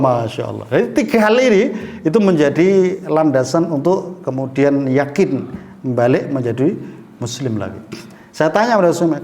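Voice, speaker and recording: A man with a Javanese accent preaching in a mosque, telling a story and putting questions to the congregation. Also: sits high. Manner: lively, mixes in Javanese phrases, asks the congregation questions.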